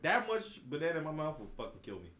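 Chatty man with a lively voice in an echoey room. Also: fairly high pitch, fast. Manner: loose, profane, trailing off mid-thought. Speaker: co-host reacting to a video. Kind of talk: casual reaction chat. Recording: echoey room with clear background noise.

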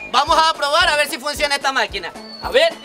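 A man's voice: very high-pitched, animated, brisk, sharp tone, full character voice. A young man playing a cocky, boastful traveller in a street comedy sketch, talking in slang. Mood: curious, impressed. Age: young adult. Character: cocky young traveller trying to trick machine. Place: outdoor street plaza with audience. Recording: music and crowd noise.

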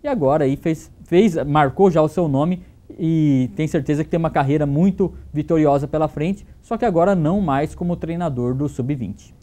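A man's voice: a little high, moderate pace, warm tone. A man in his thirties giving a sports report in a TV news studio, talking loosely with fillers into a lapel mic. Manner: loose, conversational delivery with fillers.

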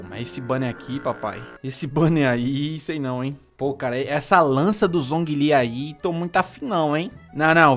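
A young adult Brazilian man with a Brazilian Portuguese accent, excitably commenting on his own game pulls on a live stream, pleading and groaning at each result. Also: on the high side. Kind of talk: live gacha-pull commentary.

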